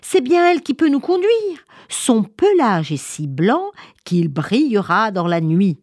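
A woman voicing a small, excited ostrich in a children's story, calling out eagerly. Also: on the low side, takes it slowly, dry recording, studio quality, heavily acted.

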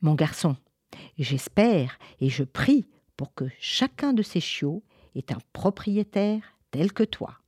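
A woman voicing a kind grown man who sells puppies, gentle and coaxing. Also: lowish voice, very animated, slow, slightly rough, no echo, studio quality, exaggerated voice.

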